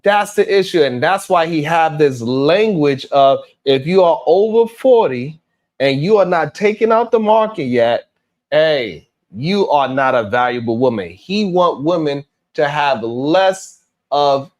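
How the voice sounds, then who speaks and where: Forties male panelist on a home stream; animated, high-ish, exasperated, swears mid-thought. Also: unhurried. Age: 40s. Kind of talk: casual panel commentary.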